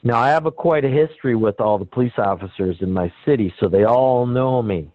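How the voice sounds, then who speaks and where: A man's voice: mid-range voice, brisk, dry recording. A man calling in and telling a personal story, animatedly acting out what other people said. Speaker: caller. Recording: tinny phone line.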